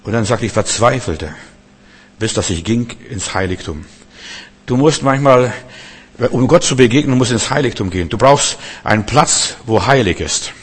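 A male preacher delivers a sermon in a folksy, direct way, turning to the listener again and again. His voice sits at an ordinary middle pitch and swells into emphatic peaks. The sound hangs in a long hall reverb. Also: animated, moderate pace, breathy edge. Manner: conversational, addresses listener as du, builds to emphatic outbursts.

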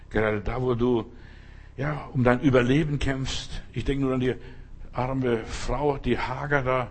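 Man, preacher, husky voice, mid pitch, fervent sermon delivery, repetitive.

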